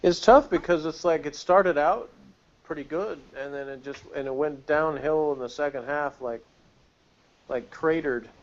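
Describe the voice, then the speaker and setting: A man with a fairly high voice, speaking a little slowly, co-hosts a podcast reviewing TV episodes, chatting casually, informally and bluntly. The recording is dull and lo-fi.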